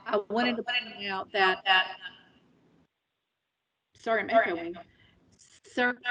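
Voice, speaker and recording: A woman from a loan program staff explaining requirements on a webinar, her voice echoing over the call, measured and full of fillers. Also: medium pitch, a bit bright, dull audio.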